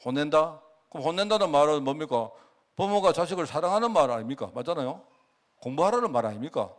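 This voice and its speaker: A middle-aged pastor, preaching a sermon and often asking the congregation questions. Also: male voice, a little high, quick pace. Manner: animated, asks the congregation questions; acts out God's words in quoted speech.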